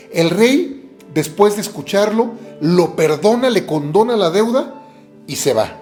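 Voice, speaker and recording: Earnest Mexican preacher over soft music. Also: medium pitch. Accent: Mexican Spanish. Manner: earnest retelling with repetitions and self-corrections. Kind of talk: sermon podcast.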